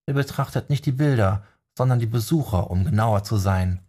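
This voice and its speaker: A man's voice: lowish voice, a little fast, dark tone, breathy edge. A man voicing a wry, charming male magician and writer in an audiobook. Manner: wry, teasing.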